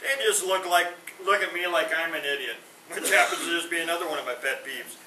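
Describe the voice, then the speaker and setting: In a veterans home hall, a male comedian with a high voice delivers stand-up one-liners and corny puns, trailing off sheepishly. He speaks briskly with a sharp tone. There's no microphone, and the distant recorder catches an echoey, roomy, noisy space.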